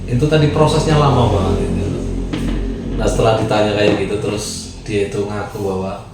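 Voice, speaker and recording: A man's voice: on the low side, a little fast, loud music behind the voice. A man from Central Java telling a long personal story in casual chat, acting out the people in it with changing voices. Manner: animated storyteller, voices the people in his tale. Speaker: guest storyteller. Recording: echoey room with noise.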